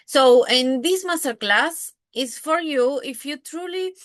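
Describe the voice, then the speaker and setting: Taking it slowly, the Argentine brand and visibility mentor speaks to camera in a high, lively, somewhat bright voice during her live masterclass. With an Argentine Spanish accent, she gushes, swears casually and keeps asking tag questions, in clean studio sound with no echo.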